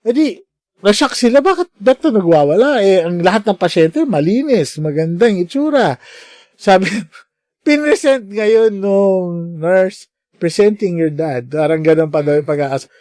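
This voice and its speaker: A middle-aged man from the Philippines, a nurse, telling animated anecdotes in a casual chat. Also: sits high, unhurried, no echo, studio quality. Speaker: podcast guest, nurse.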